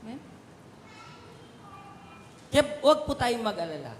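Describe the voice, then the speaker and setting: A male pastor preaching a sermon and telling stories with fillers, swinging from soft asides to loud emphatic peaks. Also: very high voice, sing-song, a little slow. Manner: storytelling with fillers and Taglish asides. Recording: echoey hall with faint noise.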